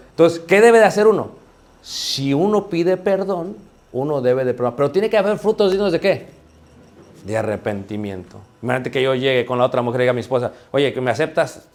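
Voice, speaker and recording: A man with a mid-range, somewhat dark voice preaches a sermon in a conversational style. He fires rhetorical questions at the congregation and keeps calling them brothers.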